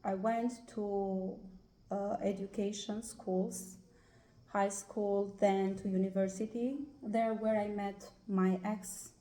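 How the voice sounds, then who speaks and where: Slow, hesitant Albanian-accented woman. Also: mid-range voice, level tone, warm tone. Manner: hesitant, many pauses and "uh" fillers. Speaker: guest. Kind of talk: personal life story in an interview. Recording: roomy echo.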